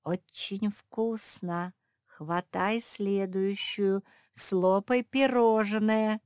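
A woman voicing a sly inner voice of temptation, speaking in a slow, coaxing way. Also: medium pitch, fairly even intonation, a little mellow, dry recording, clean studio sound. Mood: gleeful.

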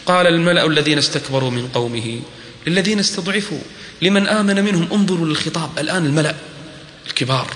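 Preacher chanting verses in a ringing hall. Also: male voice, a little high, fairly bright tone, slight background noise. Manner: chants scripture verses in a slow melodic recitation; speaks in rhetorical questions and repetition. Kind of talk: sermon retelling a prophet's story. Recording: reverberant hall recording.

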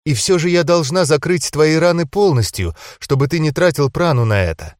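Male narrator doing a gentle, insistent young werewolf healer girl, raised pitch, dry studio read. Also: big pitch swings, normal speed, dry recording. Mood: firm. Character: young female werewolf healer, caring and firm. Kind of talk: audiobook character voice.

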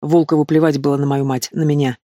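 A man's voice: on the high side, flat delivery, fast, dark tone, dry recording, studio quality, natural voice. A man voicing a bitter young henchman who speaks coldly and with contempt, in an audiobook reading. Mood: cold scorn. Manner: cold, contemptuous. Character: bitter young male henchman, cold and scornful.

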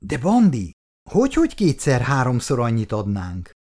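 A man's voice: mid-range voice, huge pitch swings, gravelly, dark tone, voice pushed up, heavily acted. A man voicing Irén, a timid wife who speaks hesitantly and is easily shocked.

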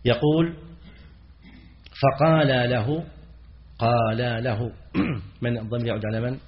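A middle-aged man lecturing as an Islamic scholar. He explains grammar and meaning step by step, repeats key words, quizzes his students and clears his throat now and then. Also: mid-range voice, steady tone, measured pace, a little hiss or hum. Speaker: Islamic scholar teaching a text. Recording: dull lo-fi lecture recording.

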